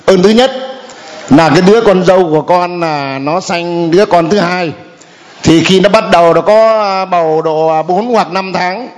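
An older man with a fairly high voice gives a spoken testimony, halting and hesitant, full of small pauses and fillers. His words ring out with a long reverb, as if he stands in a large church hall.

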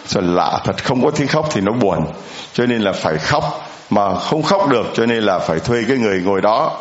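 A man's voice: fairly low pitch, lively intonation, normal speed, lo-fi sound. Man priest preaching in an echoey church. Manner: conversational, asks the congregation questions. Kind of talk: homily.

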